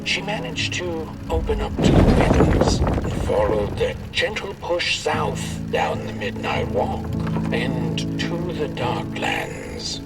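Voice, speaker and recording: A man narrating a dark fairy-tale game in a slow, measured storybook manner. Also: fairly high pitch, huge pitch swings, creaky. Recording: game audio heard from a distance over music.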